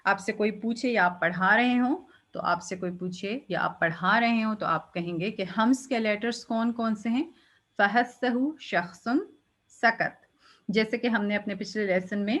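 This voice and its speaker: Patient woman teaching recitation, slow. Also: medium pitch. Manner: explains patiently, demonstrates letters with drawn-out breathy release. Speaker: tajweed teacher. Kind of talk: step-by-step recitation lesson.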